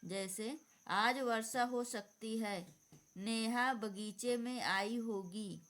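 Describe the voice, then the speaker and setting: A woman's voice: a little high, very slow, fairly bright tone. A woman teacher giving an exam-prep grammar lesson, dictating definitions and repeating them.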